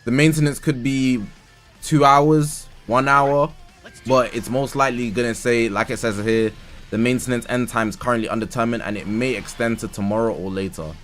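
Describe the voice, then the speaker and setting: A tired man streams live and chats casually with his viewers while reading game update notes aloud, stopping to react to them. His voice sits at a middle pitch, and faint music plays in the background. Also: fairly even intonation, normal speed, a bit bright. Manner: chatty, reads patch notes aloud and reacts. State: tired, yawning. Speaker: livestreamer.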